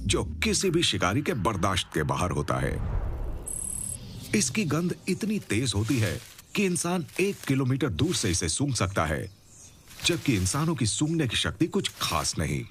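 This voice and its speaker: A man narrating a nature documentary from a script, with a measured, explanatory storytelling delivery. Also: mid-range voice.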